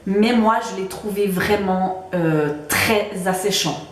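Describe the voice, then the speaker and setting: A woman's voice: medium pitch, slow. Hesitant Swiss French woman vlogging. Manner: hesitant, many fillers and restarts. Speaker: beauty vlogger. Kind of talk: casual product review vlog. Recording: roomy echo.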